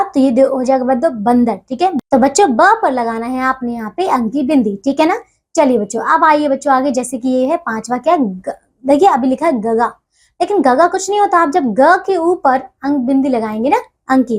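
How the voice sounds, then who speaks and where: A woman with a high voice leads a lesson for young children. She talks patiently, walks through each exercise step by step and keeps checking that her listeners are following. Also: animated, a little fast. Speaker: teacher.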